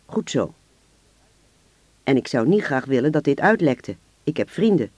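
A man voicing a calm, menacing middle-aged father who speaks politely and then in quiet threats. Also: medium pitch, unhurried, dry recording.

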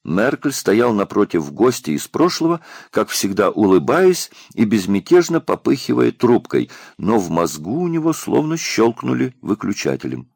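A man narrating a science fiction audiobook in an expressive storytelling manner. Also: on the low side, normal speed, vocal fry, hardly any pauses, dry recording, clean studio sound. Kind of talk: scripted narration.

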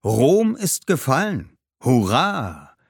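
A man voicing the boastful ghost of an old warrior ancestor, speaking slowly and indignantly in a storybook. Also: very animated, no echo, clean studio sound. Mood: gleeful. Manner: slow, booming and indignant.

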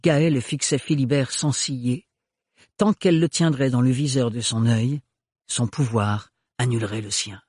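Man, audiobook narrator, husky voice, dry close sound. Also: mid-range voice, a little slow, darkish tone, dry recording. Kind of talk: scripted narration.

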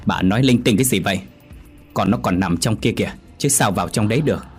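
A man voicing a kindly, grieving older father-in-law who speaks in gentle, soothing pleas. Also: on the low side, quick pace, breathy edge, soft background music.

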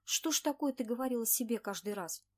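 A woman voicing a brisk young makeup artist who scolds her sick friend, in an audiobook reading. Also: on the high side, a little mellow, natural voice. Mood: indignant.

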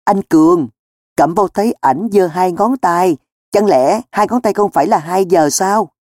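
A male audiobook reader turns into a polite, bashful schoolgirl in a storybook. The voice rises into a lilting, innocent register over a mellow, dark timbre. It sits close and dry, with no room around it. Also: high-pitched, unhurried, no echo, pitched above the performer's own voice.

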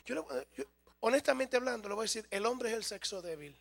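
High-voiced gravelly male preacher. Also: expressive, a little fast. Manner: humorous, speaks directly to the congregation. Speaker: pastor. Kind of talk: sermon.

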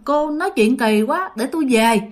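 A woman voicing a skeptical young schoolteacher who quickly brushes off strange warnings. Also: sits high, animated. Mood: dismissive. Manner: dismissive, quick.

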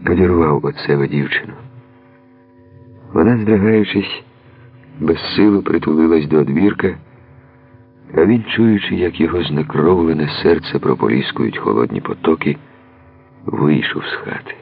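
A man narrating a novel in a measured, expressive literary reading, heard on a tinny lo-fi radio recording. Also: rumbling low, creaky, slightly rough.

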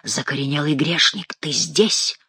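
A woman voicing a hoarse, wheezing male voice posing as God, stern and accusing. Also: low voice, a little slow, bright, forceful tone, no room sound, studio quality, pitched below the performer's own voice, full character voice.

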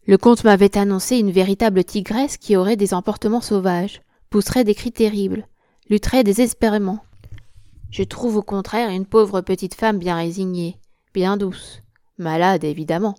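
A scheming middle-aged doctor with a smooth, wheedling bedside manner, read by a woman narrator. The voice sits warm and mellow, recorded close and dry, in a storybook reading. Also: medium pitch, fairly even intonation, moderate pace, no room sound, natural voice. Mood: musing. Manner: smooth, wheedling, falsely kind. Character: sly middle-aged male asylum doctor.

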